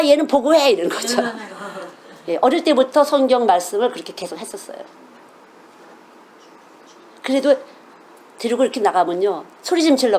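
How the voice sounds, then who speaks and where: A woman's voice: on the low side, a little mellow, slight background noise. Earnest middle-aged woman preaching. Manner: earnest, emphatic, asks the audience questions. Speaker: children's missionary preacher. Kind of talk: sermon.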